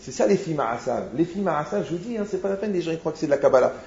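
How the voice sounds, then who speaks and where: A man, a rabbi, giving a lively sermon full of anecdotes, acting out dialogues and rising to near shouts. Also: a little high, racing. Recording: roomy, dull lo-fi sound with faint noise.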